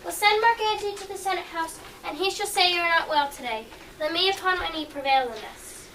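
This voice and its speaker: A woman plays a fearful Roman wife pleading in verse. Her very high, bright voice comes from a distance. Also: a little fast, full character voice. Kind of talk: amateur stage acting. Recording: distant mic, faint noise.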